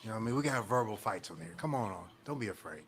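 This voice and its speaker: Animated man over clear background noise. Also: on the low side, very fast. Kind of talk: casual chat.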